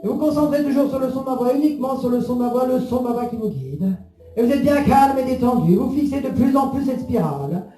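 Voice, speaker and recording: A man's voice: very high-pitched, lively intonation, fast talker. A man leading a guided hypnosis session in a soothing, repetitive, suggestive manner. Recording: roomy echo under music.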